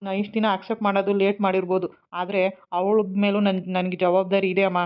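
A brusque young husband and son, played by a woman in a mid-range voice, firing off quick, dismissive retorts. The recording sounds slightly dull and lo-fi. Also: medium pitch, level tone, close to an everyday voice. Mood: reassuring. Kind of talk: amateur family skit.

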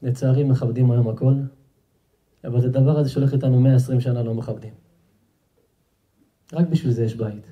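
A rabbi preaches at a house-warming gathering in a home. His voice is dark and mellow and sits at a middle pitch. He presses his points by repeating them and speaks straight to the listeners. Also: fairly even intonation, long pauses, highs cut off. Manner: emphatic, repeats himself, talks directly to the audience.

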